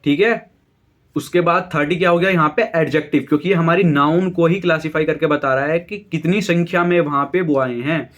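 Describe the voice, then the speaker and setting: Male tutor, somewhat high voice, patient Hindi grammar lesson, slows for English examples, asks and answers himself. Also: fairly even intonation, a bit bright. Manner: explains in Hindi with English terms, asks and answers own questions; repeats "ठीक है" as a check-in. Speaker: English teacher.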